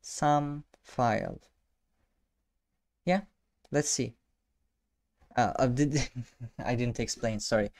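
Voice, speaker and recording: This programming tutor is a young man from Turkey, a native Turkish speaker, with a medium-pitched, slightly mellow voice. He talks through a casual screen-share coding session at his desk in a small room. His speech is halting and self-amused, full of fillers and restarts.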